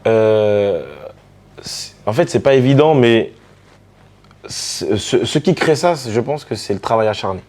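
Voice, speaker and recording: A man from the French Caribbean, a DJ and artist telling stories in a relaxed interview, with many fillers and restarts. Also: lowish voice, measured pace. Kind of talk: casual storytelling interview.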